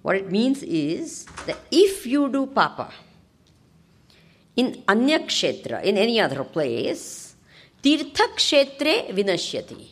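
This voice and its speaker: A woman spiritual teacher with a South Indian accent speaks in a husky, creaky voice. Her delivery is unhurried but animated, with wide swings in pitch as she takes her class through scripture and checks in with questions. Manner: animated, prompts listeners with questions. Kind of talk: informal scripture discourse to a class, with Sanskrit verses.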